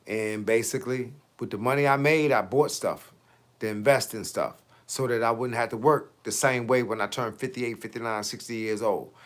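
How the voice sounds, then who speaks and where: His voice is mid-range and fairly bright: a fitness coach in his late fifties chatting on his livestream. Talkative and slangy, he responds to viewer comments by posing rhetorical questions.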